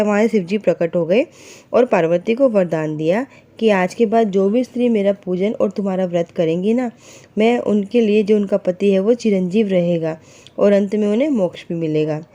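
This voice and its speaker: A woman's voice: mid-range voice, mellow. A woman retelling a devotional story in a casual, conversational way, asking and answering her own questions, with fillers and self-corrections as she goes.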